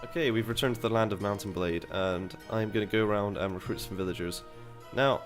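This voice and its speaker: Young guy with a low voice casually chatting over gameplay, swears a lot, faint music behind. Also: a little fast. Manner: chatty, swears casually, thinks aloud while playing. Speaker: gaming video host.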